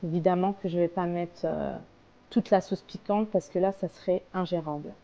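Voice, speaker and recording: A woman's voice: lowish voice, steady tone, moderate pace, dark tone, muffled recording. A woman casually talking through a recipe step by step as a home cook, in a hesitant, explanatory way. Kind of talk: casual cooking tutorial, talking through steps.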